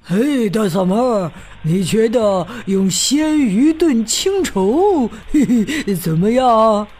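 A woman's voice: on the high side, very animated, takes it slowly, a little mellow, full character voice. A woman voicing a chubby, timid chick in a storybook who drawls and hesitates. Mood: excited.

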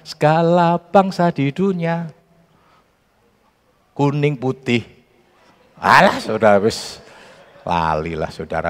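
A male pastor with a Javanese accent delivers a lively sermon. His pitch swings widely as he tells stories and plays out what others said. The voice rings with the long echo of a church hall. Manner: animated storytelling, acting out quotes.

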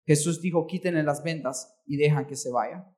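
A man's voice: a little high, normal speed, a little mellow. A man preaching a sermon, reading scripture aloud and then explaining it, sometimes correcting his own reading. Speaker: pastor. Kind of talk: bilingual sermon with interpreter.

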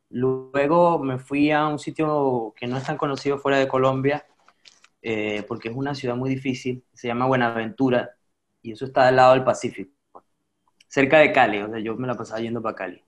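A father guesting on a show talks in an easy, relaxed way, sprinkling in fillers like "este." His mid-range voice moves at a moderate pace through the casual conversation.

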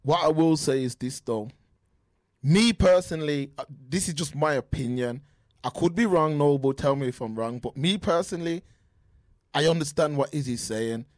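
A talkative man, his voice sitting a little high for a man. He gives his opinions casually and often restarts his sentences. The sound is dry and close, with almost no room echo. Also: moderate pace. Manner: opinionated, chatty, frequent restarts. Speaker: podcast co-host. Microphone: remote call audio.

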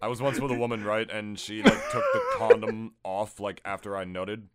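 A man's voice: on the low side, normal speed, over a noisy crowd. A young man co-hosting a podcast, joking crudely and mocking himself in casual banter. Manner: lively, crude, self-mocking. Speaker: podcast co-host.

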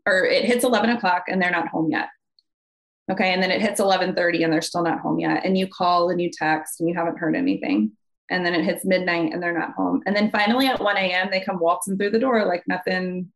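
Low-voiced woman counselor explaining calmly. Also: brisk. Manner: calm, explanatory, gives worked examples. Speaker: mental health counselor guest. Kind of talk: podcast conversation.

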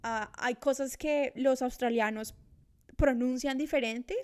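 Speaking at a measured pace, this woman in her thirties from Australia has a high, clear and resonant voice with a steady tone. She reflects in casual conversation, frequently starting over mid-thought.

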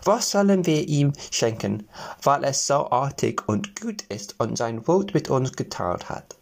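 A man voicing three little forest men in a fairy tale, speaking in a raised voice and a slow, solemn manner. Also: mid-range voice, sing-song, creaky, exaggerated voice. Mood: kindly. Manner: slow, solemn gift-giving.

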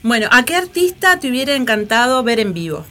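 A woman's voice: on the high side, sing-song, fairly quick, bright, forceful tone. A woman from Argentina hosting a casual radio interview, chatty and emotional as she asks her questions. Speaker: radio host.

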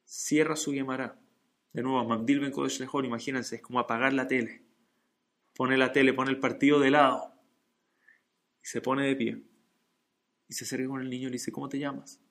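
A man's voice: medium pitch, flat delivery, moderate pace, long pauses, a bit bright. A man teaching a Torah lesson, telling a story and acting out its dialogue with animation.

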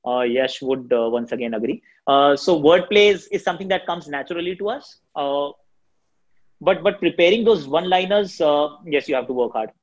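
Here a cricket commentator from Delhi, native in Hindi and speaking with an Indian accent, takes interview questions in a quick, shrill, high-energy manner. The recording sounds dull.

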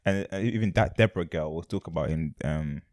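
A man's voice: low voice, fast, darkish tone, dry recording, clean studio sound. A young man with an urban London accent, casually discussing things in slang and qualifying his points. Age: young adult.

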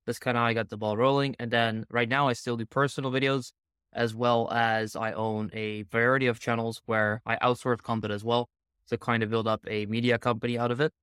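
Smooth-voiced man. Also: mid-range voice, level tone, a little fast, a bit bright, no room sound, clean studio sound. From Netherlands. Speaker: guest YouTuber.

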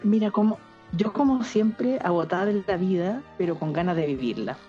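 A young Chilean woman with a fairly low voice chats loosely on a podcast, full of slang and running jokes. The sound is dull and lo-fi, with faint music underneath. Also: expressive, moderate pace, mellow. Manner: joking, slangy, rambling. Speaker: podcast co-host. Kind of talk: casual chat.

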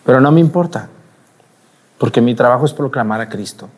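Animated priest preaching at mass. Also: male voice, mid-range voice, fairly quick, husky. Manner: animated, asks the congregation rhetorical questions. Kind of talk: sermon at mass.

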